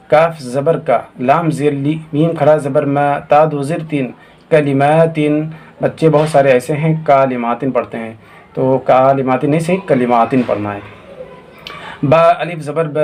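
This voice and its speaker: A man teaching Quran reading in a recorded lesson, spelling out letters and vowel marks slowly, with quicker explanations in between. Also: fairly high pitch, a little mellow, a little hiss or hum. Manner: slow, drawn-out recitation of syllables, then quick asides.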